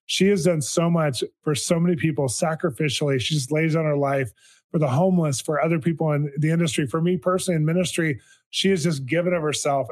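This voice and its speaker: A man hosting a faith podcast, talking with excitement and gushing praise about his guest. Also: fairly high pitch. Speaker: podcast host. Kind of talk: enthusiastic interview and intro.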